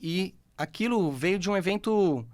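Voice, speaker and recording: A Brazilian man with a Brazilian Portuguese accent and a somewhat high voice speaks as an instructor on a podcast. He explains patiently and tags his sentences with little checks for understanding. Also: unhurried, darkish tone. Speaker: guest therapy instructor. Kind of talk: podcast interview.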